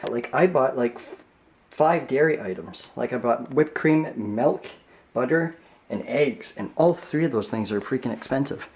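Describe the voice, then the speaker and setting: A man's voice: mid-range voice, expressive, measured pace. A young man talking casually to his camera while shopping and baking, joking and laughing as he goes. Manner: chatty and joking, laughs often. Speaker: vlogger. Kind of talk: casual vlog chat. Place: home kitchen and a store.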